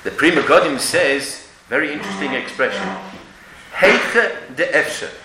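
Animated man lecturing in an echoey room. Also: a little high, moderate pace. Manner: emphatic, questioning, uses Hebrew and Yiddish terms. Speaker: religious lecturer. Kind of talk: religious lecture with storytelling and rhetorical questions. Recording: echoey room with background noise.

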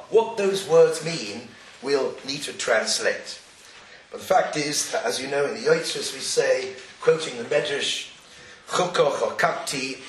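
A man with a croaky voice giving an explanatory Torah lecture, deliberate and sprinkled with Hebrew quotations. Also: medium pitch, a bit bright. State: croaky, getting over an illness. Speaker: religious lecturer. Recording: roomy, distant, noisy recording with clicks.

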